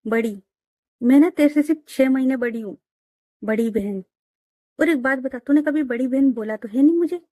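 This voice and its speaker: A woman's voice: sits high, moderate pace, pauses often, mellow, no echo, studio quality. A woman voicing a young woman, a stubborn elder sister who scolds her sibling in a spoken audio story. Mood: scolding. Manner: blunt, scolding.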